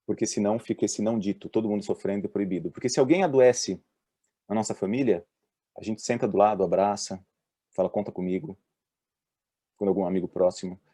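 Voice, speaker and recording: A man with a Brazilian accent, a doctor giving a talk on mental health at work, telling lively stories and voicing the people in them. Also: lowish voice, a little fast, no room sound, clean studio sound. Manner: lively storyteller, voices the people in his stories. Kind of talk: presentation with acted-out anecdotes.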